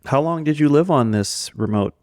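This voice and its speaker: A man's voice: a little high, animated, moderate pace, darkish tone, dry recording, clean studio sound. A man co-hosting a podcast, chatting casually with playful jokey asides. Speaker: podcast co-host.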